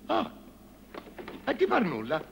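Bossy, animated village priest. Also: male voice, very high voice, takes it slowly, vocal fry, a little hiss or hum, full character voice. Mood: bossy, scolding. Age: middle-aged. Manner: bossy, admonishing. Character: bossy, worldly middle-aged village parish priest. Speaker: parish priest. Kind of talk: film comedy dialogue.

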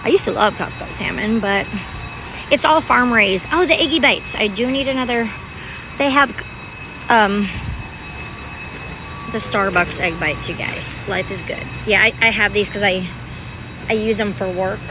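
A woman's voice with a middling pitch, chatting to her viewers and rambling from one thing to the next as she walks through a big store. Store noise sits clearly behind her. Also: a little slow, long pauses. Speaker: vlogger. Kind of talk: casual chat while shopping. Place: large store.

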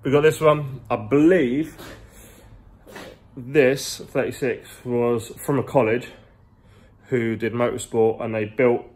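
Taking it slowly, a twenty-something car vlogger chats casually as he strolls through a big indoor garage workshop, phone held at arm's length. His mid-range voice is a little mellow and steady in tone, and his talk wanders with plenty of slang.

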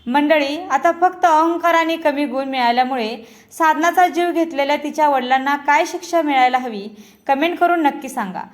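High-voiced woman narrating true crime. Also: moderate pace. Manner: addresses viewers directly, solemn storytelling.

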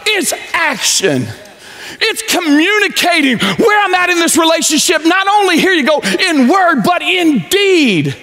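High-voiced animated man preaching. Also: unhurried. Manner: animated preaching, pacing the stage, swinging from loud to low. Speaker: pastor. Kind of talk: sermon. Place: large church stage, indoors. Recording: echoey church hall.

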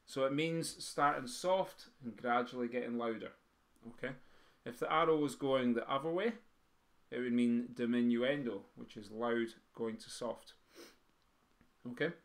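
A man leads a beginners' music writing lesson for pipe band drummers. He counts the beats out loud and sings the rhythms in drum syllables. Now and then he stops to quiz his students. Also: mid-range voice, unhurried. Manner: quizzes the students. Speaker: drum teacher. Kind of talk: teaching a music theory lesson.

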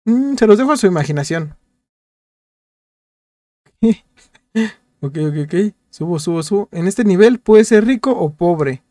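A man's voice: high-pitched, expressive, measured pace, pauses often, mellow, no echo, clean studio sound. A man casually commenting on his gameplay, joking and talking to viewers while repeating short words in bursts. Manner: chatty, jokey, talks to viewers while playing. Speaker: gameplay youtuber.

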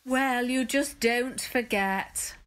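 A woman's voice: a little high, slow pace, a bit bright. A woman voicing an affected, showy socialite who gushes. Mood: gushing. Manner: gushing, showy. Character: affected glamorous socialite Arabella.

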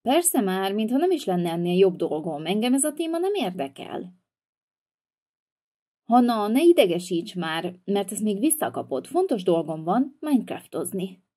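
A woman's voice: mid-range voice, sing-song, mellow, husky. A woman voicing a sulky, hot-tempered young boy in a toy-figure video, whiny and defiant.

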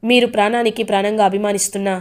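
A woman's voice: mid-range voice, level tone, quick pace, lightly acted. A woman voicing an earnest, loyal young man who speaks respectfully in a serial recap.

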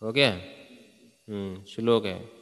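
Slow-paced man teaching Sanskrit grammar. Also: lowish voice, steady tone, vocal fry, a bit bright, long reverb tail. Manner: slow, chants verses, quizzes students with questions. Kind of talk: classroom lecture.

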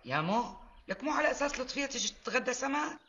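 A woman's voice: high voice, animated, fast talker, a bit bright, lo-fi sound. An actress in a Syrian TV drama playing an older, motherly mother-in-law who scolds fondly, with a Damascene accent. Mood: bustling. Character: older kindly mother-in-law, head of household.

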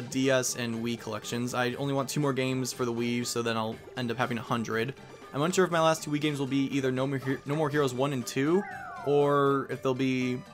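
A young man rambles casually through let's play commentary. His pitch is average for a man, and game music plays faintly behind him. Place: voice-over recorded over game audio.

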